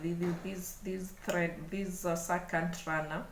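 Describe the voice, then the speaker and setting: A woman with a Kenyan accent giving an unscripted hands-on craft demonstration, speaking haltingly and repeating words as she works. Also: lowish voice, little pitch movement. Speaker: craft tutorial host. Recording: echoey room, clear background noise.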